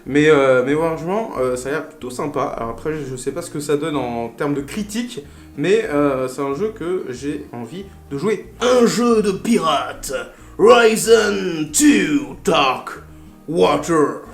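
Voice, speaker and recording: High-voiced chatty man in an echoey room. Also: moderate pace. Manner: chatty and playful, full of fillers and asides. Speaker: retro game collector and video host. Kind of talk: casual unboxing chat. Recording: roomy echo with faint music.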